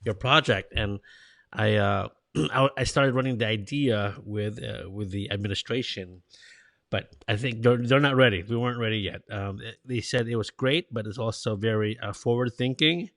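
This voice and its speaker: A man hosting an interview, talking casually with many fillers and halting restarts. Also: on the low side, creaky, fairly bright tone, dry recording. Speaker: podcast host.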